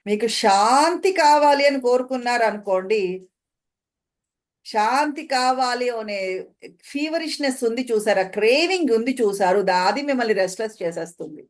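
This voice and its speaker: Woman giving a slow spiritual talk. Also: a little high, lively intonation. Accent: Telugu. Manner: slow, explaining, asks listeners questions. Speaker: translator of spiritual commentary.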